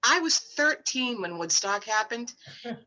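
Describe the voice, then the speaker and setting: Frank bright-voiced woman in her sixties. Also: on the high side, lively intonation, unhurried, poor audio. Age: 60s. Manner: frank, reflective, spiritual turns of phrase. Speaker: co-host. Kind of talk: casual chat.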